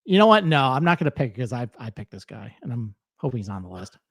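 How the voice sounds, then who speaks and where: A man co-hosts a podcast in loose, casual conversation, laughing easily and using fillers as he goes. His medium-pitched, slightly bright voice swings widely in pitch and moves fast, captured in clean studio sound with no echo.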